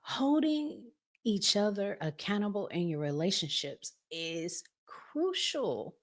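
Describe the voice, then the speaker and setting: Hosting a relationship advice channel, this American woman speaks at a medium pitch with a sing-song lilt and an unhurried pace. She gives casual, emphatic advice in colloquial language, stretching out key words and acting out examples.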